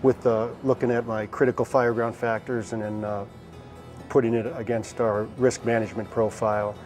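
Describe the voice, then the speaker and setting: A man's voice: medium pitch, level tone, moderate pace, darkish tone. A man, a fire officer, giving a matter-of-fact explanation in an after-action debrief. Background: faint music.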